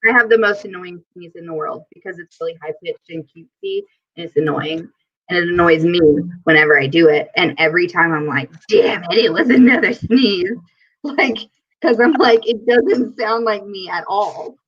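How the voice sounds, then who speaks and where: A woman with a lowish voice speaking at normal speed hosts a relaxed livestream, chatty and giggly as she reads viewer comments out loud. The audio has a dull, lo-fi stream quality.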